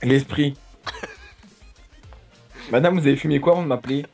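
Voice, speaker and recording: Deadpan man heard over a phone. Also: a little high, normal speed, creaky, soft background music. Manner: deadpan, feigned confusion. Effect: heard over a phone line. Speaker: prank caller. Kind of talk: prank phone call.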